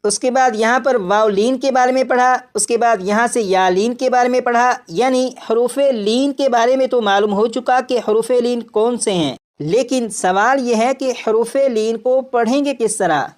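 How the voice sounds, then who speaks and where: Patient male recitation teacher. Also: very high-pitched. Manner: patient, repeats each rule and demonstrates sounds slowly. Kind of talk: step-by-step recitation lesson.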